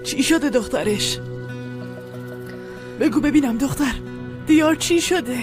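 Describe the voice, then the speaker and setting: An actress voicing a gentle, concerned elderly mother who asks soft, probing questions in a dubbed TV drama. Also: high voice, over music, natural voice.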